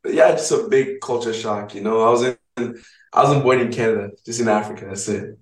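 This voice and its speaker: Energetic young man from Ghana. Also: on the low side, fairly quick, echoey room, low-quality recording. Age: 20s. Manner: lively, energetic, slangy storytelling. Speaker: guest. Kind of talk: casual interview chat.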